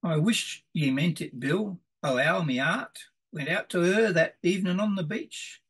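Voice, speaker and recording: A man's voice: high voice, unhurried, fairly bright tone, slightly rough, pitched above the performer's own voice, heavily acted, rough recording. A man voicing a lovestruck young Australian larrikin bloke who talks in slang with a lilting, besotted manner.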